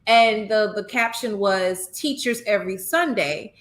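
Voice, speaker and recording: A woman hosting a podcast, asking her guest questions and telling her own anecdotes in an engaged, expressive way. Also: mid-range voice, unhurried, reverberant. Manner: engaged, expressive, affirming with frequent mm-hmms. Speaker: podcast host. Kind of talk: casual interview conversation.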